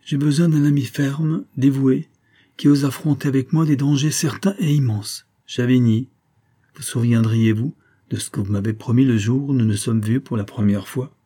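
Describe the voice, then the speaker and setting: A man's voice: medium pitch, steady tone, normal speed, mellow, voice pushed up, lightly acted. A man reading the part of a grave, brooding young officer who speaks earnestly and solemnly in an audiobook. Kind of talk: audiobook character voice.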